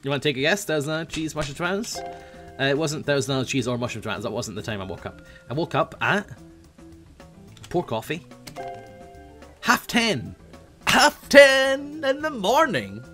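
A young man hosting a gaming video, chatting fast and calling out food orders while he plays. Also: mid-range voice, expressive, sharp tone, faint music behind. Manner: hyper, chatty, calls out orders while playing. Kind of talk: casual let's-play commentary.

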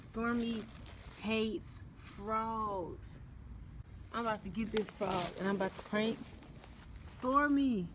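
A woman speaking in a hushed, secretive near-whisper to the camera, casually vlogging a prank. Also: a little high, slow pace, pauses often, noisy background. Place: outdoors by bushes. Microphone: handheld camera.

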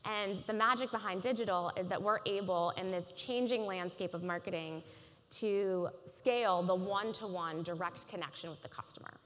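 A woman in her thirties delivers a polished, measured keynote from a large conference stage. Her voice is mid-pitched and carries a long reverb from the hall around her. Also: a bit bright. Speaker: keynote speaker.

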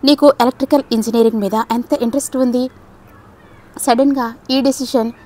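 Woman doing a friendly young guy in a storybook, earnest but teasing, kinda high voice. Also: steady tone, normal speed, darkish tone, natural voice. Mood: scolding. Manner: earnest, then playfully teasing. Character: caring, teasing young man, the story's narrator.

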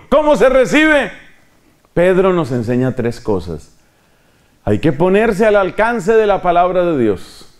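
A middle-aged man, preaching a sermon as a priest, asking his listeners questions and acting out quotes. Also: a little high. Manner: animated, questions the audience and acts out quotes.

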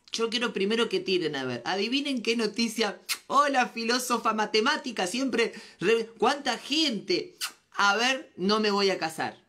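A woman's voice: mid-range voice, a bit bright. An Argentine woman hosting a comedy live stream, chatting playfully and teasing as she answers viewer comments. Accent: Argentine Spanish. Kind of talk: casual live-stream chat.

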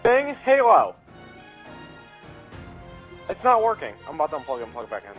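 A man casually chatting while he barks loud voice commands at a game console and laughs often. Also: mid-range voice, big pitch swings, rapid-fire, faint music behind, poor audio. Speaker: gamer trying voice control. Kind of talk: casual gaming chat.

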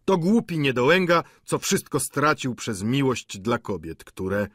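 A husky-voiced man playing a sly, mocking middle-aged lodger in an audiobook, telling gossip with swagger. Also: mid-range voice, sing-song, a little slow, fairly bright tone, dry recording, clean studio sound, pitched above the performer's own voice, exaggerated voice.

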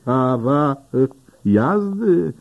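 A cocky blind army veteran argues back with indignant, swooping outbursts, as a man voices him in an audiobook. The voice is husky and pitched higher than the reader's own. It comes through a dull, lo-fi recording. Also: sing-song, exaggerated voice. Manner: indignant, fast-talking arguments.

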